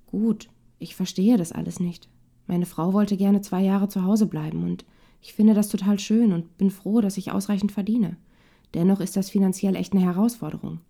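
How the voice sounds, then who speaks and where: A woman's voice: lowish voice, dark tone. A woman voicing a hesitant, sheepish young father who explains himself defensively.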